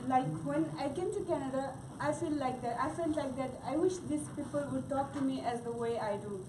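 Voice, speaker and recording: A young Nepali woman with a high, brisk voice gives a hesitant class presentation, full of fillers and restarts. Gurung is her first language, and she speaks with a Nepali accent. The recording is noisy and echoey, captured from far off.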